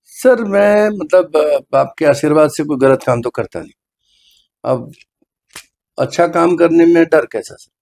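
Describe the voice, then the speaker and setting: A middle-aged hospital medical superintendent answers interview questions earnestly and deferentially, slipping English phrases into his speech. His voice is on the high side and a little mellow, creaky, with a measured pace and long pauses.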